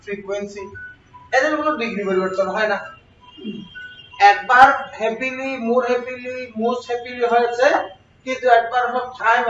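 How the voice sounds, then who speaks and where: High-voiced male teacher in an echoey room. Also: fairly bright tone. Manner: asks the class questions and answers them himself. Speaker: exam prep teacher. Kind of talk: classroom grammar lesson. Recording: roomy, distant, dull lo-fi sound with faint noise.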